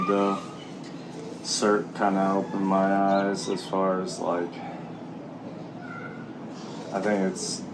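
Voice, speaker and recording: A man talking candidly and haltingly in a casual, reflective vlog while out walking. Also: deep voice, noisy background. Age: middle-aged. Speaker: vlogger, military serviceman and former Marine. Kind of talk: casual walk-and-talk vlog.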